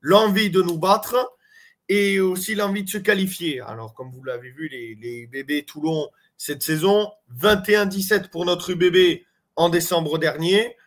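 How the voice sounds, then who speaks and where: Chatty young-sounding man with a higher voice. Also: unhurried, a bit bright. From Landes, France. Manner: chatty, hesitant, many fillers, addresses viewers as "les gars". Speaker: rugby fan vlogger. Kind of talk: casual fan commentary to camera.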